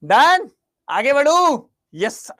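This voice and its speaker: A man's voice: extremely high pitch, big pitch swings, drawn-out words, pushed and bright. A man teaching chemistry in an online class, constantly quizzing his students and coaxing them to answer.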